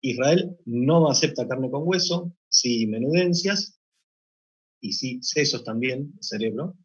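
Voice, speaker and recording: A man delivers a technical conference presentation in a husky, slightly breathy voice of middling pitch. He explains step by step in a measured way, pausing now and then to find a word. The recording sounds dull and lo-fi. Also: expressive. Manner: measured, explanatory, occasional hesitations. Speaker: meat plant deputy manager presenting.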